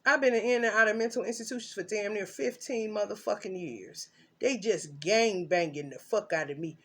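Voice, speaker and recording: Woman tarot reader, profane and rambling, loud bursts and mutters. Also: mid-range voice, moderate pace, husky. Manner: cursing, loud and emphatic, swings between shouting and muttering.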